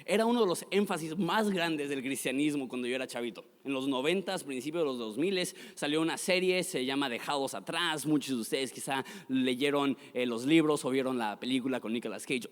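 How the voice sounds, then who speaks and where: Young male pastor, chatty and joking sermon, long hall echo. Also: on the high side. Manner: casual, joking preacher with laughs and restarts.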